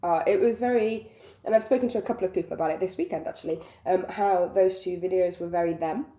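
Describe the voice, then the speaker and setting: A woman hosting a casual podcast, her voice croaky and creaky from being ill. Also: lowish voice, fast talker, mellow. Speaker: podcast host. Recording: roomy echo.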